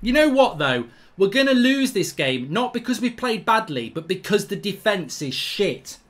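A middle-aged man, reacting live to a football match, ranting, swearing and shouting in exasperation. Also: sits high, big pitch swings, moderate pace. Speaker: football fan channel host.

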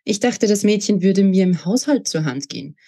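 A woman's voice: mid-range voice, lively intonation, moderate pace, dark tone, husky. A woman voicing a spiteful, scornful young woman in a read-aloud novel, talking in a mocking, sneering way.

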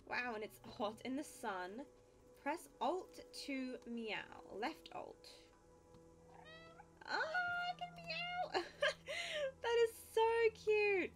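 Gushing woman gasping at a game. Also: high-pitched. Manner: gushing, gasping and exclaiming with delight. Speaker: gaming video host. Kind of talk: let's play commentary.

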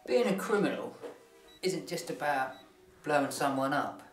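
A man's voice: fairly high pitch, lively intonation, normal speed, lightly acted. Film drama: male actor as irritable, sardonic British petty crook, roomy off-mic sound with music. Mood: wry, subdued. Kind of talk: naturalistic film acting. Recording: echoey room, distant mic, music behind.

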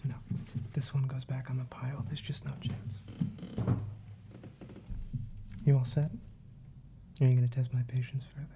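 A man's voice: mid-range voice, flat delivery, a little fast, creaky, noisy background, natural voice. A man in his twenties playing a fussy, exasperated, wordy librarian scolding a child in a whispered role-play. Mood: exasperated, dismissive. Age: 20s. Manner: prim, wry, wordy.

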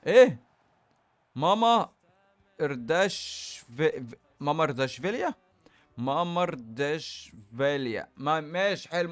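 Fast, bright Egyptian gaming YouTuber. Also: male voice, fairly high pitch. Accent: Egyptian Arabic. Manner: animated, swings between loud outbursts and muttering. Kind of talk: excited game pack-opening commentary.

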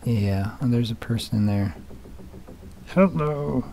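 A man's voice: medium pitch, a little slow, a little mellow, a little hiss or hum. A man hosting his own channel, giving casual commentary on old photos with wry, joking asides. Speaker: channel host.

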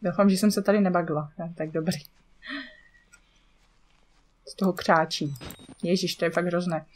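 A woman's voice: on the low side, fairly even intonation. Czech woman gamer, casual let's-play chatter, mutters and swears at the screen.

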